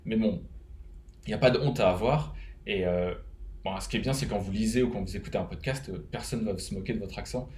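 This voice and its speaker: A man's voice: lowish voice, fast talker, a little mellow, reverberant. A man from France with a French accent, casually giving advice to fellow web developers, rambling with many fillers and restarts. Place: home, living in Canada.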